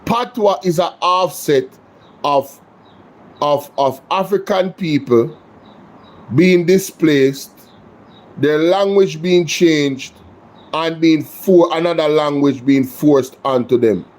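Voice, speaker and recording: A Jamaican man hosts a live political reaction stream with an indignant, emphatic delivery. His voice sits somewhat high for a man. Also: slow, a little mellow. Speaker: political commentary host.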